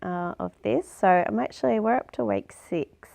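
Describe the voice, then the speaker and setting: A woman's voice: medium pitch, animated, normal speed, gravelly, a little mellow. A woman recording a casual video diary, sounding nasal from a cold and talking in a chatty way with many ums. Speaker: vlogger.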